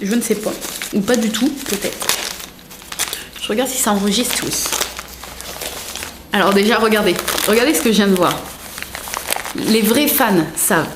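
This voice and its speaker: A young woman chatting in a casual unboxing vlog, gushing over each item with plenty of fillers. Her voice sits at an ordinary pitch and carries a roomy echo from the room around her. A faint hum of ambience stays under her talk. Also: normal speed, long pauses. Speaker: vlogger.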